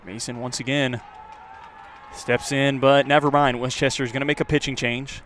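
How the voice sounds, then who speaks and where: This American radio announcer calls baseball play-by-play live, measured between plays and louder on the action. His medium-pitched voice shows little pitch movement, and there's a slight hiss or hum.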